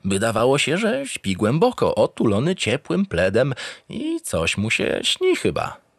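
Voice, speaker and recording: This man's medium-pitched voice swoops wildly in pitch as he speaks a little slowly, and the recording is dry. It's comedic first-person scripted narration for a sci-fi audio drama, delivered playfully and theatrically as a cheerful, self-satisfied, dim-witted starship captain.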